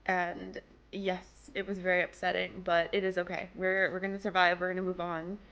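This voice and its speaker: Narrating her game build, a young woman speaks at a fairly low pitch with a flat delivery and normal speed, her tone fairly bright though the recording is muffled. Her voice is a bit tired, and she chats casually, drifting off-topic and making self-deprecating remarks into a desk mic.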